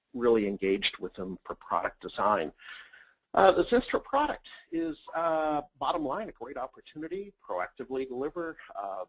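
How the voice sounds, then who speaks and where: Husky, lowish-voiced man hosting a webinar. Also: low-quality recording. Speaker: webinar host. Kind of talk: informal slide presentation.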